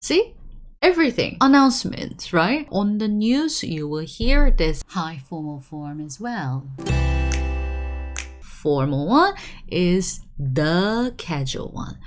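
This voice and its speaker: A woman teaching a video language lesson in a chatty, animated way, often checking in with her listeners. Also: lowish voice, slow pace, soft background music. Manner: animated, with swoops up for emphasis.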